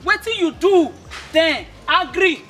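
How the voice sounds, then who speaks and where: A stern traditional elder with an Edo Nigerian accent, lecturing in insistent, repetitive pidgin. Her voice sits very high and sounds bright and sharp. She speaks as a middle-aged woman in a Nollywood film. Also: lively intonation, takes it slowly, soft background music, heavily acted. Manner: mixes pidgin and local words, insistent and repetitive. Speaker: elder advising a young wife.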